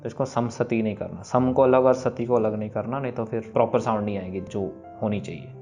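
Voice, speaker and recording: A man teaching scripture pronunciation, explaining briskly and then reciting each verse slowly and evenly. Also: fairly low pitch. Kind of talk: pronunciation lesson with slow recitation. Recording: slightly dull recording, soft background music.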